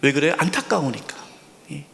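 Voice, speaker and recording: A male senior pastor preaching a sermon, asking rhetorical questions, repeating key words, and dropping to a soft near-whisper for emphasis. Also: fairly high pitch, lively intonation, brisk, creaky. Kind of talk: sermon at a Friday prayer service. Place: church sanctuary. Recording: long hall reverb in a church sanctuary.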